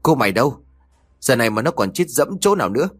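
A man voicing a shrill, grief-stricken older mother in a told horror story, wailing in a frantic way. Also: big pitch swings, fast, breathy edge, faint music behind. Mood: scolding. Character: shrieking old woman, grieving, shrill mother.

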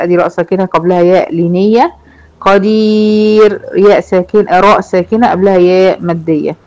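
A woman with an Egyptian accent teaching a Quran recitation lesson to girls. She explains the rules slowly, repeats examples and checks that her students follow. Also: fairly low pitch, darkish tone, highs cut off. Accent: Egyptian Arabic. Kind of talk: online tajweed lesson.

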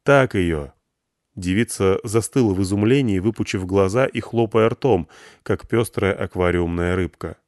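A man reading an audiobook narration with expressive, varied intonation. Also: deep voice, moderate pace, dry recording, clean studio sound. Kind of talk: scripted narration.

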